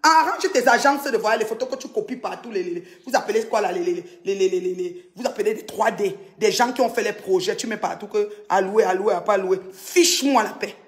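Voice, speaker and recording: A woman's voice: a little fast, hardly any pauses. Scolding woman ranting online. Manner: scolding, mocking, swings between shouting and low muttering. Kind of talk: angry social media rant.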